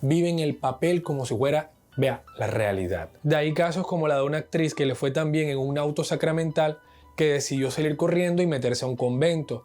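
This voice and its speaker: A man gives a video lesson on acting, explaining clearly and talking straight to his viewers with casual asides. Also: fairly high pitch, a little mellow. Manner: didactic, addresses viewers directly with casual asides. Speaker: acting teacher.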